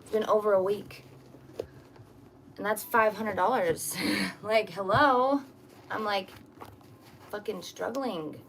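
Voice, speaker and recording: A woman's voice: medium pitch, fairly even intonation, slow, creaky, pauses often, slight background noise. A young adult woman rambling frankly in a casual vlog at home, full of fillers and frustration. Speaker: vlogger.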